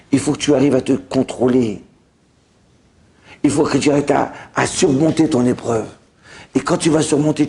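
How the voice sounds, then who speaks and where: Middle-aged rabbi, gravelly voice, animated storytelling sermon. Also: male voice, mid-range voice. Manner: lively storytelling with acted-out dialogue.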